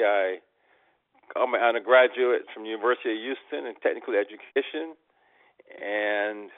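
An older man from Barbados answering interview questions in a measured, plain way. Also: fairly low pitch, no echo. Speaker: patient, guest. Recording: dry tinny phone-like sound.

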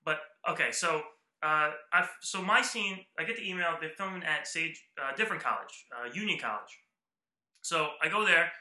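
Man, podcast co-host, quick and animated storyteller, high bright tone, roomy echo. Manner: animated, acts out quoted lines. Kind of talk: casual chat, storytelling.

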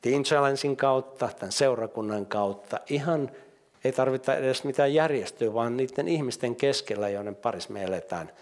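An older man preaching a sermon, asking emphatic rhetorical questions and reading scripture aloud. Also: mid-range voice.

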